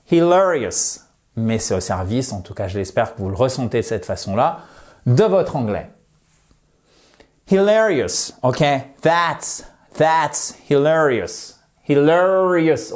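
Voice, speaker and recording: A man teaching English in a video lesson, saying English phrases slowly and clearly and explaining their pronunciation. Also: a little high, darkish tone.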